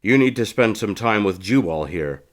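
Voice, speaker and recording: A man's voice: lowish voice, animated, normal speed, natural voice. A man reading an audiobook as a terse male captain, curt and matter-of-fact.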